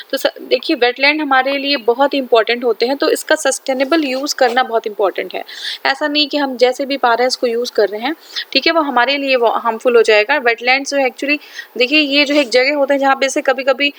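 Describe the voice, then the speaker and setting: A woman with an Indian accent teaching an exam-prep geography lesson, reading English lines slowly and then repeating each point in Hindi with frequent check-ins. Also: high voice, a bit bright.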